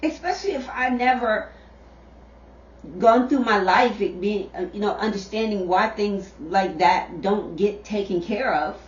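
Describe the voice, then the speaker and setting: A middle-aged mother talking casually to her viewers on camera, slow and repetitive, calling them y'all. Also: medium pitch. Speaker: vlogger, mother. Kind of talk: casual direct-to-camera talk. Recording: dull, roomy, distant camera audio.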